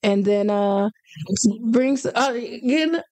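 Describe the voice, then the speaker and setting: A woman's voice: fairly high pitch, takes it slowly, a little mellow, dry recording. A young woman as a guest on a podcast, chatting casually and laid-back into a studio mic in a small home studio, laughing easily. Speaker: guest musician. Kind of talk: casual interview chat. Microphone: studio mic on boom arm.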